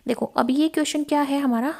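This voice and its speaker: A woman's voice: high voice, steady tone, fast talker, creaky, darkish tone. A woman teacher going through past exam questions, asking and answering her own questions and repeating key words. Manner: explanatory, asks questions then answers them; repeats key words, mixes in English phrases. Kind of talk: exam-prep lesson explaining past paper questions.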